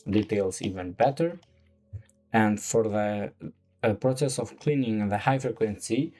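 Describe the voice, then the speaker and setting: A man with a fairly low voice, whose first language isn't English, guides viewers through a screen-recorded retouching tutorial. His delivery is slow and halting, packed with fillers, while faint music plays quietly beneath him.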